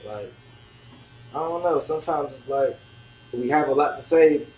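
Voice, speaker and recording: Szczery, zamyślony mężczyzna o wyższym głosie. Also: male voice, on the high side, moderate pace, darkish tone. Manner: earnest, reflective, many fillers. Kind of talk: casual group chat. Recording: echoey room, faint noise.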